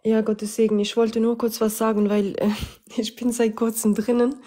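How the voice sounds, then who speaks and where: A woman's voice: a little high, flat delivery, moderate pace, warm tone. A woman calling into a livestream, speaking in a mocking and exasperated way. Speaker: caller. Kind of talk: casual call-in on a livestream.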